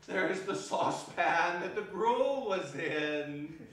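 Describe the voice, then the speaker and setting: Giddy old Scrooge, high and echoing. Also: male voice, expressive, takes it slowly, fairly bright tone, a little hiss or hum, exaggerated voice. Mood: giddy wonder. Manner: exuberant, declamatory, whooping stage delivery. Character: giddy, redeemed old man Scrooge, overjoyed. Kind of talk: theatrical dramatic reading of a Victorian story. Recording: echoey hall, distant microphone.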